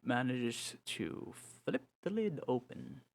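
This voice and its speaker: A man's voice: mid-range voice, wildly swooping pitch, slow, vocal fry. A man narrating a tabletop game as game master, describing the action and laughing along with his players.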